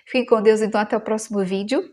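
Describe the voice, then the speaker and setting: A woman's voice: mid-range voice, steady tone. A woman with a Brazilian Portuguese accent, a mother talking casually and heartfelt to the camera in a family vlog. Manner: chatty and heartfelt, many "né" and "sabe" tags; slows to a gentle devotional tone. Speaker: mother and vlogger.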